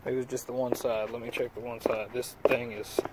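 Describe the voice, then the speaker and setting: A man speaks a little fast in a level, mid-range voice, with background noise in the clip. In his casual walkthrough vlog reviewing truck accessories, he shows off an installed part with folksy, filler-heavy rambling, filming on a handheld phone from the truck's interior and outside by a trailer.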